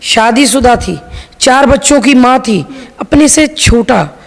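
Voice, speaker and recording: A woman's voice: sits high, lively intonation, slow, creaky, in a large hall. A woman answering interview questions in an emphatic, argumentative way.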